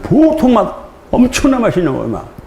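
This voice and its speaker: A man's voice: sits high, moderate pace, creaky. A man preaches in a church, acting out each exchange as he tells his story. His voice rises and falls widely as he talks. The recording is roomy and echoey, with faint noise behind. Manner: animated storytelling, acting out dialogue, laughing. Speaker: pastor. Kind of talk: sermon with storytelling. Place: church sanctuary.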